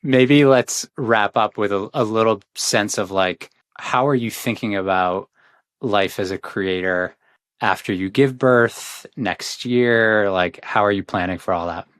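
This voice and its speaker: A man's voice: on the low side, unhurried, a bit bright, clear, resonant tone, no echo, clean studio sound. A man hosting a podcast interview, asking friendly, encouraging questions in casual chat. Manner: friendly, encouraging, loose phrasing. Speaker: podcast host.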